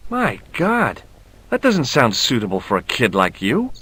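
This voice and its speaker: A man's voice: medium pitch, wildly swooping pitch, measured pace, sharp tone, breathy edge, full character voice. A man voicing a wry male adventurer in a video game who questions people in a dry, sarcastic way. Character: wry adult male tourist sleuth, questioning a boy.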